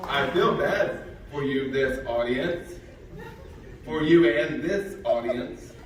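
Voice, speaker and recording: A man reading a slow, laid-back comic artist. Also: mid-range voice, expressive, slight background noise. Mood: amused. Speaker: actor at a live script reading. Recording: echoey convention hall from far off.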